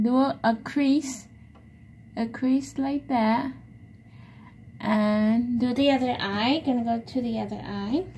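A woman's voice: high-pitched, darkish tone. A young woman chatting casually and hesitantly through a tutorial, repeating herself as she narrates what she is doing. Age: young adult. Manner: hesitant, repetitive self-narration while doing a task. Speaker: beauty vlogger. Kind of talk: casual makeup tutorial chat. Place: small room at home, indoors. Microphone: phone propped at arm's length. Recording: faint background noise, home phone recording.

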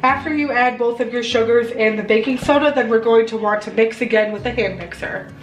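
A young adult American home baking vlogger chats through a recipe step by step in her home kitchen, instructive and friendly. Her voice is on the high side with fairly even intonation and a little fast; the audio is dull with roomy kitchen echo.

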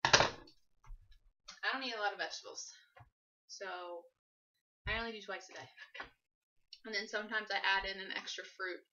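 A woman's voice: mid-range voice, steady tone, a little slow, long pauses, bright, forceful tone, a little hiss or hum. A woman in her twenties chatting casually as she demonstrates something in her home kitchen, moving around as she talks. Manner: chatty and practical, moving around while explaining. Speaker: fitness vlogger. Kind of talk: casual how-to vlog. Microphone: camera mic from across the room. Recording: dull lo-fi camera audio.

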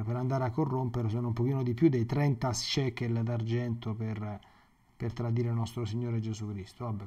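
Priest guy teaching bible stuff, rambles and stumbles on words a lot, mid pitch. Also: dark tone. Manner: digressive, halting, repeats words and restarts. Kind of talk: Bible catechesis.

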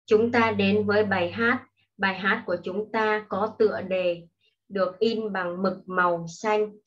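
A woman teaching a primary school English lesson online, explaining patiently and slowly to children. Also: medium pitch, fairly even intonation, a bit bright. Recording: dull lo-fi recording.

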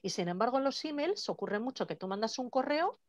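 A woman leading an online workshop in a lively, conversational way. She acts out quoted dialogue as she talks. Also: fairly high pitch, fairly quick, no echo, lo-fi sound. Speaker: workshop trainer. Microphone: video call.

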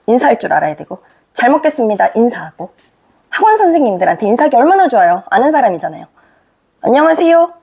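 A middle-aged woman teacher lectures students head-on, scolding and emphatic, tossing rhetorical questions at them. Her pitch sits a little high and swings widely. The voice carries a husky, gravelly grain. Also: warm tone. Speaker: teacher giving advice to students. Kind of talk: direct lecture to the camera.

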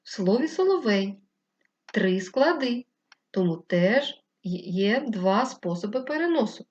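Slow, patient woman teaching first graders. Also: medium pitch, very animated, a little mellow. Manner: spells out syllables slowly and patiently. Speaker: primary school teacher. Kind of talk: slow, clear classroom instruction for first graders. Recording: slightly dull lo-fi recording.

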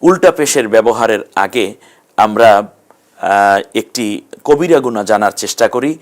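A man's voice: medium pitch, lively intonation, fairly quick. A man teaching a recorded Quran reading lesson, explaining letters and vowel marks step by step and putting questions to his students. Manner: patient, step-by-step explaining, asks questions of learners.

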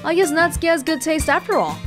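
A woman hosts a let's play, reading a visual novel aloud and throwing in her own reactions. She talks fast in a very high voice, expressively acting out the dialogue, over soft game music with guitar.

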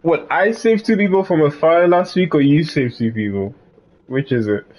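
A gaming streamer with a fairly high, darkish voice talks at a moderate pace through a casual let's-play. He's chatty, laughing and talking aside to someone in the room who isn't on the mic.

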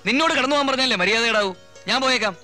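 A man's voice: very high-pitched, racing, bright, forceful tone, soft background music, heavily acted. A young actor playing a bookish young man who answers in a curt, irritated way in a 1980s film. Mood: annoyed. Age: young adult.

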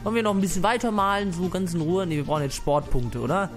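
A man's voice: high voice, fast, music in the background. A man giving casual let's play commentary, brash and mocking, swearing at the game characters.

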